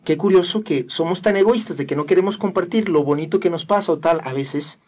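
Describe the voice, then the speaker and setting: A man's voice: on the high side, fairly quick, darkish tone. A man with a Mexican Spanish accent hosting a casual talk show, rambling and preachy, full of hesitant fillers. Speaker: host.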